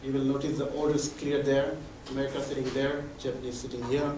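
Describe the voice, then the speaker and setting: A fast-talking man with a medium-pitched voice and little pitch movement gives a conversational presentation at a mentoring event, explaining with examples and restarting frequently. He's recorded from far off in an echoey meeting room or hall against a noisy background.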